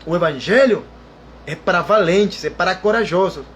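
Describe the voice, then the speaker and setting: A man with a rather high voice delivers a sermon, repeating key phrases and calling on his listeners as brothers. His emphatic preaching carries over a faint background ambience. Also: moderate pace, a bit bright, a little hiss or hum. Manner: repetitive, emphatic preaching with frequent "irmão" and "aleluia".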